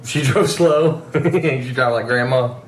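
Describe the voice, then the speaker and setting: Playful teasing dad vlogging at home. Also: male voice, mid-range voice, takes it slowly. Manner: playful, teasing, hesitant with fillers. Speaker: vlogger and father. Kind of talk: casual home vlog chat. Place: home, at the dinner table. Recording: roomy echo with light background noise.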